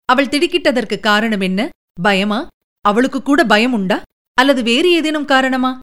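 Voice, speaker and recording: A woman reading an audiobook in a measured, dramatic narrating manner, with rhetorical questions. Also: high voice, fairly bright tone.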